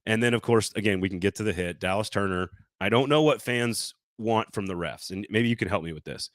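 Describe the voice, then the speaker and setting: A man hosting a casual sports talk debate, animated and quick to restart his sentences. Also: on the low side, no echo, clean studio sound.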